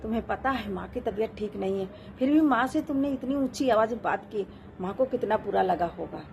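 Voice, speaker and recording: Woman reads adult son; irritable, scolding, voice on the high side. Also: lively intonation, fairly quick, creaky, darkish tone, highs cut off, a little hiss or hum. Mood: reproachful. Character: adult son, short-tempered office worker.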